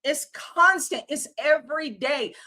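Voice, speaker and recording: A woman's voice: high-pitched, lively intonation, measured pace, pushed and bright. A woman, hosting a livestream and ranting in an exasperated, casual, slangy way. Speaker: livestream host.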